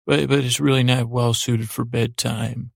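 A podcast host delivers a rambling, informal bedtime monologue, hesitant and self-deprecating, often stammering and circling back. His mid-range voice is gravelly and creaky, with little pitch movement and a moderate pace. The recording is studio quality with no echo.

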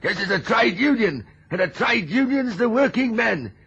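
A man's voice: high voice, very animated, normal speed, fairly bright tone, slightly rough, exaggerated voice. An actor playing a bullying older male union doorman with a Cockney accent in a vintage radio drama. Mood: sneering. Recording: dull lo-fi old radio recording.

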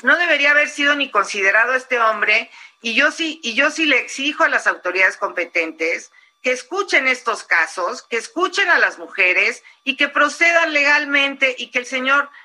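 A woman with a Mexican accent, speaking forcefully and emphatically as a guest in an interview. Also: sits high, lively intonation, moderate pace, a little hiss or hum, rough recording.

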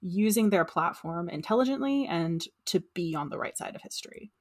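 Thoughtful woman podcast co-host, lowish voice. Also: expressive, over a noisy crowd. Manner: measured and thoughtful, with fillers like um. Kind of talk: casual chat.

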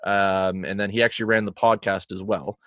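A man's voice: low voice, steady tone, a little fast, fairly bright tone, no echo. A young man, chatting as a guest with lots of ums and uhs. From Canada. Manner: hesitant, many fillers. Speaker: guest podcaster. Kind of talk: casual interview chat.

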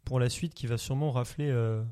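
A man's voice: mid-range voice, fairly even intonation, a little fast, warm tone. A man co-hosting a casual podcast, talking about films with enthusiasm and lots of hesitant fillers. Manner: enthusiastic, hesitant with many fillers, laughs often. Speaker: podcast co-host. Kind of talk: casual film chat.

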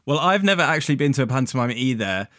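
A man's voice: medium pitch, sing-song, fast talker, fairly bright tone, no room sound. Man hosting a podcast, close and dry. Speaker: podcast host. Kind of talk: casual hosting and chat.

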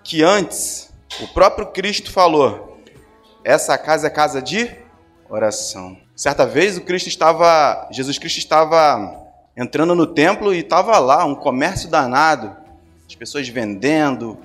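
A man's voice: on the high side, animated, a little slow, a bit bright, big-room sound, soft background music. A male preacher, giving a conversational sermon that builds to emphatic bursts. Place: church.

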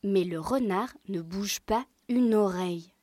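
A woman telling a children's tale in a lively, expressive way. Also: mid-range voice, measured pace, dry recording, clean studio sound. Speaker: storyteller. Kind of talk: scripted narration for children. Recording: narration over music.

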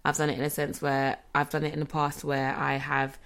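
Low-pitched woman hosting a podcast. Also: monotone, brisk, a bit bright, clean tone. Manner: candid, conversational, hesitant phrasing with many likes. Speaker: podcast host. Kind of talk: casual podcast chat.

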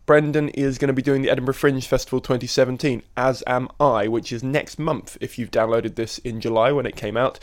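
A chatty man in his twenties hosts a podcast in an easy, conversational way. He laughs often and gets more animated as the back-and-forth heats up. His voice sits at an ordinary, middle pitch. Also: brisk, few pauses. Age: 20s. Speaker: podcast host. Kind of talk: casual podcast chat.

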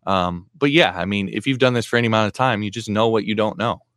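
A man with a low, deep voice hosts a casual live stream Q&A, reading out viewer comments and answering them in a blunt, practical way. He talks loosely, with plenty of fillers and false starts. The sound is close and dry, with no room around it. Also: fast talker, a bit bright, dry recording. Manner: reads viewer comments aloud and answers plainly, frequent fillers and restarts.

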